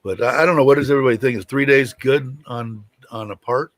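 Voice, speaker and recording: A man with a deep, rumbling voice hosting a casual livestream, rambling and hesitant as he chats. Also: fast talker, no room sound. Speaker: host of a livestream show.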